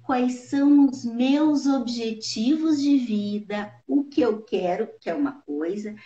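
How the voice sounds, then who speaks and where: High-voiced woman hosting a live chat. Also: slow. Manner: lively, swoops widely in pitch while explaining. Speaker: live show host. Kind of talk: casual live-stream conversation. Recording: roomy, slightly dull live-stream audio.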